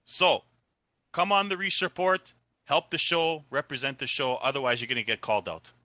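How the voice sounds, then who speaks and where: Bright, brash podcast host man. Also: mid-range voice, normal speed, dry recording. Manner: animated, teasing trash talk. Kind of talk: casual sports picks chat.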